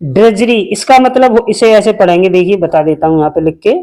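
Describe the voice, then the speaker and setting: Running an English reading lesson, a man with a high, lively, slightly mellow voice speaks a bit quickly. He takes the text one word at a time, asking the learner how to pronounce each.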